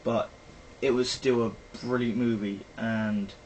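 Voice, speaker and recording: This casual film review chat comes from a young British vlogger who rambles and fills his speech with fillers. He talks a little slowly in a medium-pitched, steady voice with a darkish tone. Audio quality is poor, with faint background noise.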